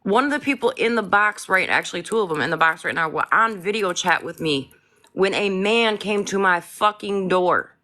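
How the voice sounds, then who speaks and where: Woman from flint, blunt and heated on a live stream, bright edgy voice, swears a lot. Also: mid-range voice, animated, normal speed. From Flint, Michigan. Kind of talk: casual live chat.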